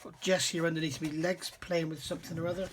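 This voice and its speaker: This scale model channel host chats at his home workbench in a rambling, self-deprecating way, his dry throat occasionally catching. He talks fast in a slightly high, flat voice, with a little hiss or hum in the background.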